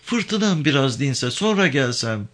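A man's voice: mid-range voice, very animated, slow pace, a bit bright, pitched above the performer's own voice. A man reading aloud voices a distraught, guilt-ridden young woman who pleads while crying, in a raised, tearful voice. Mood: tearful pleading.

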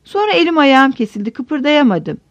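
Woman narrator does timid young village girl, shaky halting speech, gravelly edge. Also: sits high, very animated, dry recording, muffled recording, pitched above the performer's own voice. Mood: pleading. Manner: halting, trembling.

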